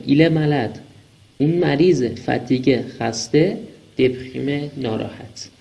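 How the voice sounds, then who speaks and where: A man giving a recorded French lesson, slowly reading phrases and translating them word by word. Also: a little high, dark tone, low-quality recording. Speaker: French teacher.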